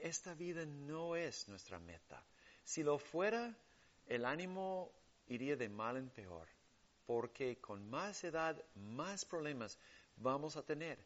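A man preaching a sermon with emphatic stresses that drop to hushed, soft passages. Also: muffled recording. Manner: emphatic preaching that swings between loud stresses and hushed lows.

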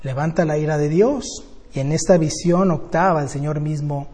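An older man, a grandfather, teaching a Bible study sermon in a lively storytelling way, often ending with tag questions. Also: on the high side, moderate pace, breathy edge, big-room sound.

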